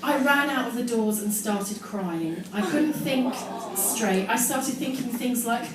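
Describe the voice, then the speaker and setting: Over a loud crowd, a storyteller's slightly high, expressive voice comes through at a slightly slow pace. She is reading from her own teenage diary as comedy at a live event before an audience, acting out the drama with amused asides. The venue sounds very echoey and noisy on the distant mic.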